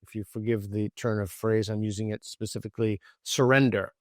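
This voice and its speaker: A man's voice: fairly low pitch, steady tone, a little fast, dry recording. Earnest man, argumentative, dry sound. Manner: earnest, argumentative, frequent restarts. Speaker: guest author. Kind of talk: interview conversation.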